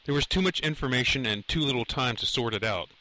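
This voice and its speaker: A man's voice: medium pitch, lively intonation, quick pace, sharp tone, slight background noise, poor audio. A man narrating a thriller audiobook in a tense, dramatic reading.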